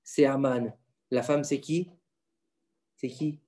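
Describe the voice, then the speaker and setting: A man explaining religious stories to his children in a casual home lesson, animated and quizzing them with questions. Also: mid-range voice, slow. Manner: insistent, keeps the floor. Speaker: father teaching his children.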